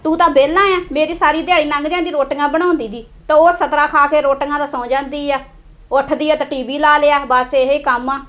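A woman playing a sharp-tongued wife who scolds her husband sarcastically. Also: high-pitched, quick pace, roomy sound. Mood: scolding. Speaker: nagging wife in a family drama.

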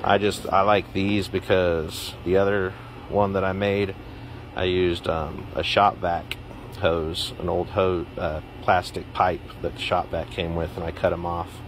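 Male DIY vlogger, deep voice, easygoing rambling delivery, outdoor phone recording with steady background noise. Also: a little slow. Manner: relaxed, plain-spoken, rambling with fillers. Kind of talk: casual how-to explanation. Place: outdoors in a yard.

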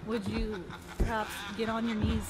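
A woman's voice: a little high, level tone, normal speed. A woman co-hosting a game livestream with casual, playful teasing. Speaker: co-host on livestream. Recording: loud music behind. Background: loud music.

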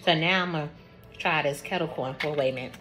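A cooking channel host from Georgia, US, chats through a casual vlog and tastes food on camera with her mouth full. Her low-pitched voice is fast and fairly bright, with faint music and audible background noise behind her.

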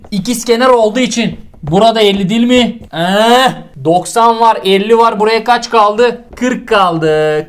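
A man tutoring geometry in a comic lesson, scolding his student in an exasperated, crude way with swearing. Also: sits high. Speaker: math tutor.

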